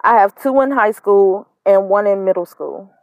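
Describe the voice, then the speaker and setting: In dull audio with no echo, a woman in her thirties with a mid-range voice talks at a moderate pace straight to camera about her custody battle. She's not from Mississippi and lived up north. Smoking and emotional, she holds back tears, frustrated, hammering her points home through repetition in this casual vlog.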